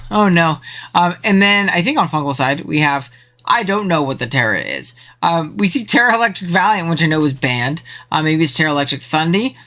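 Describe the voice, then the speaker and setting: A streamer giving casual live commentary on a game match, slangy and excitable, with the voice jumping high when thrilled.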